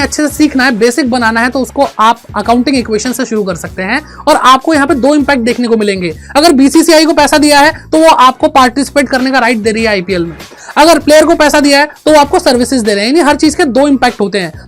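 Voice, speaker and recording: A man teaching an energetic class. He asks his students questions, answers them himself, and calls them "beta". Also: extremely high pitch. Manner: chatty, mixes in English terms.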